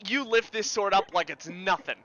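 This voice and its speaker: Bright-voiced man running a tabletop game. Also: sits high, moderate pace, low-quality recording. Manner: animated narration with vocal sound effects. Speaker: game master.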